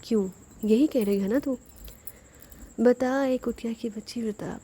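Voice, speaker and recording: A woman's voice: fairly high pitch, mellow, slight background noise, lightly acted. A woman doing a cruel, vengeful lady of the house. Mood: contemptuous. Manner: harsh, contemptuous.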